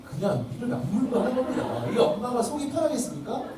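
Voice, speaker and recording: A man's voice: extremely high pitch, sing-song, quick pace. A man, a pastor, teaching a parenting workshop at church, quizzing the audience and acting out parent-child dialogues. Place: church welfare hall classroom. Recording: distant mic in a reverberant hall with faint noise.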